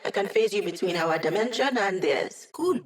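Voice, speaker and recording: A woman's voice: mid-range voice, animated, moderate pace, natural voice. An actress playing an upbeat, wry female hacker who gives a squad mission support in a video game, with playful, teasing, casual delivery. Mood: brisk, focused.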